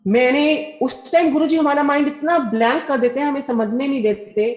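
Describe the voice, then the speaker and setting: A fairly high-voiced, middle-aged woman tells a personal devotional testimony in an earnest way. She speaks straight to her listeners and acts out every line of dialogue. The recording is echoey and dull, with a lo-fi sound. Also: steady tone, fairly quick.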